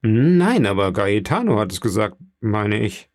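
A man's voice: fairly low pitch, sing-song, a little slow, a little mellow, no echo, clean studio sound. A man reading as a curious young nobleman. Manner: probing, asks question after question.

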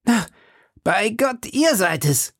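A man's voice: high voice, expressive, normal speed, vocal fry, no echo, clean studio sound, pitched above the performer's own voice. A man voicing a hearty, boastful musketeer in an audiobook reading, with a swaggering manner. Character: boastful, hearty male musketeer, bedridden, jovial.

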